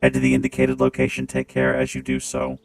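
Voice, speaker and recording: A man voicing a calm, dutiful male robot steward through a robot voice filter, speaking formally. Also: very deep voice, voice pushed down, poor audio. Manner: formal, measured, reminiscing. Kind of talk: gameplay stream reading game dialogue.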